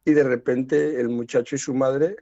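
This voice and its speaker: A man, telling a folk tale in conversation in a wry, unhurried way. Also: mid-range voice, steady tone, dark tone, no room sound. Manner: unhurried, wry storytelling with quoted voices. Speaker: storyteller. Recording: dull lo-fi, dry sound.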